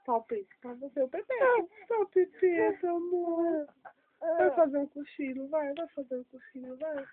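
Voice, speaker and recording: A woman's voice: sits high, unhurried, narrow, tinny audio. A Brazilian mother cooing in singsong baby talk, playing peekaboo at home late at night and recorded on a phone. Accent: Brazilian Portuguese. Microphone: phone held close.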